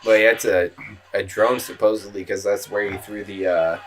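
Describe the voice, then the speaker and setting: A man's voice: lowish voice, fairly even intonation, normal speed. A man co-hosting a casual movie podcast who rambles and swears freely. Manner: crude, rambling, profane. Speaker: podcast co-host. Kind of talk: casual chat over a movie.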